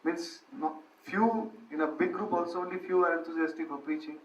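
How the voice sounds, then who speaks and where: Guy in the audience asking a question, halting, high voice, far away echoey hall with faint noise. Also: fairly even intonation. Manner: hesitant, searching for words. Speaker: seminar participant. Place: seminar hall.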